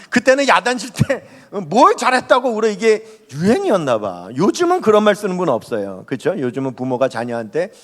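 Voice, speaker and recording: Man, pastor, lively sermon, high voice, long church reverb. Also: normal speed. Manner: animated, rising and falling, speaks to the congregation directly. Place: church sanctuary.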